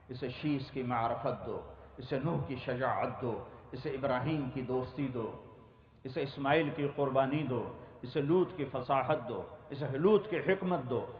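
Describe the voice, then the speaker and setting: Impassioned preacher man, echoey lo-fi hall. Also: mid-range voice. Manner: impassioned, rhythmic, recites verse and long lists. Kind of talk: emotional sermon. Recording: echoey, dull lo-fi hall recording.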